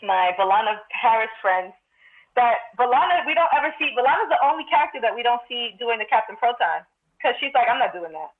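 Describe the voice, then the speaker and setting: A woman with a slightly high voice chats casually as part of a fan panel. The sound is somewhat muffled and lo-fi, like a call. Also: animated, a little fast. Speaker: discussion panelist. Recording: dull, phone-like lo-fi audio.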